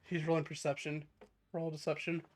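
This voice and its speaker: A young man with a fairly high voice runs a tabletop game. He narrates casually, laughs often and trips over his words as he goes. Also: monotone, brisk, noisy background. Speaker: game master.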